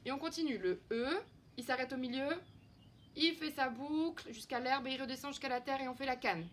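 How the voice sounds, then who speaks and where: A woman teacher giving a slow, clear, encouraging video lesson to young children. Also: sits high, fairly bright tone, a little hiss or hum. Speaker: kindergarten teacher. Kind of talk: home-schooling video lesson.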